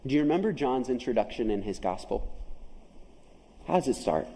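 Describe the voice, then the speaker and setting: A man's voice: mid-range voice, big pitch swings, a little fast, dark tone, big-room sound, poor audio. A man preaching a sermon as pastor, emphatic, often asking his listeners questions. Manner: emphatic, asks the audience questions. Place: chapel.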